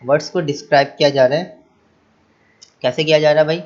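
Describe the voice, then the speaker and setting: A man's voice: fairly high pitch, steady tone, a little fast, a little mellow, dull audio. A male teacher explaining English action words to children. He spells each word letter by letter, then repeats it, translates it and asks the class rhetorical questions.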